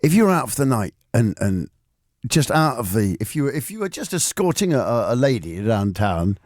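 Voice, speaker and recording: A man's voice: mid-range voice, big pitch swings, a little fast, no room sound, clean studio sound. A man hosting a radio show, joking and laughing in casual banter. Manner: jokey, playful, laughs a lot.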